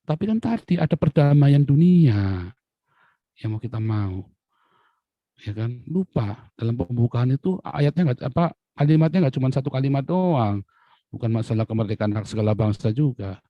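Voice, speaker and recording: A man giving an angry political rant as a channel commentator, swinging between loud outbursts and low muttering. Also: lively intonation, moderate pace, no echo, highs cut off.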